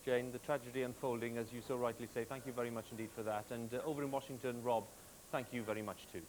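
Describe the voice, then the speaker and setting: A man's voice: mid-range voice, fairly even intonation, fast talker, rough recording. Male British news anchor, formal live hand-offs, worn tape copy with faint hiss. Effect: worn VHS tape copy with hiss. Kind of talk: live studio news presenting. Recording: hissy worn videotape copy.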